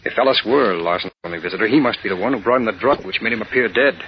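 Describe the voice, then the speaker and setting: An actor playing an anxious hero who speaks urgently and worriedly, on an old radio broadcast. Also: male voice, lowish voice, quick pace, muffled recording, slight background noise, close to an everyday voice. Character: anxious male wealthy hero.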